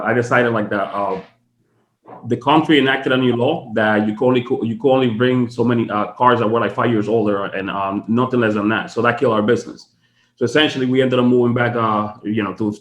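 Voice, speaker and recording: A man's voice: mid-range voice, fairly even intonation, quick pace, fairly bright tone, reverberant. A man from the Dominican Republic, a podcast guest, telling his story in casual, chatty talk full of fillers from his home office. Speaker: guest, tax strategist.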